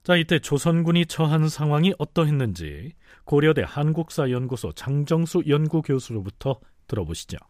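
A man's voice: on the high side, big pitch swings, moderate pace, hardly any pauses, darkish tone, dry recording, studio quality. A man hosting a history programme, delivering scripted narration. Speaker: host.

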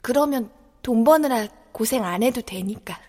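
A woman voicing a gentle young child in an audio drama who speaks plainly and softly. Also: a little high, animated, moderate pace. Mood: resigned. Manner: plain and soft, later quiet and resigned. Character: poor, gentle young child facing its death.

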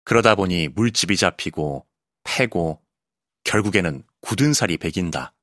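A male voice actor reading an essay audiobook in a calm, clear narrating voice, recorded close in a studio booth. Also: sits low, normal speed, no room sound. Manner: calm, clear narration with lively, expressive intonation.

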